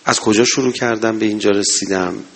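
A man preaching a sermon to a gathering, impassioned, swinging between loud exhortation and low murmurs. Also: fairly even intonation. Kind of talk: religious sermon.

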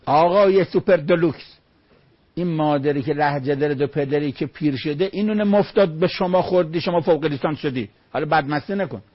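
A man's voice: fairly high pitch, dry recording, highs cut off. A man preaching on Quran verses, emphatic, with rhetorical questions and short stories.

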